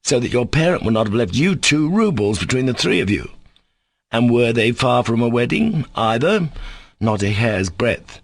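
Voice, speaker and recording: A man's voice: medium pitch, very animated, moderate pace, no echo, clean studio sound. A man voicing a sickly, insolent male servant. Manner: cool, defiant, sarcastic.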